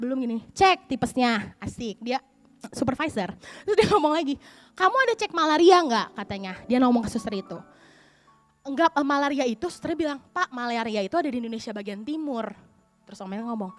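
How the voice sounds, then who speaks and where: High, animated woman preacher. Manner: lively storytelling, acts out quoted voices. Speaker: pastor. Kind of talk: sermon with personal story. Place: church.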